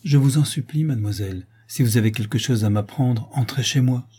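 Man voicing a gentle ex-convict, reassuring, dark husky voice, storybook reading. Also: mid-range voice, a little fast, close to an everyday voice. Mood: gentle concern.

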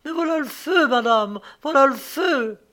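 A man voicing a terrified young maidservant, speaking in a high, pleading, drawn-out voice in an audiobook reading. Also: very animated.

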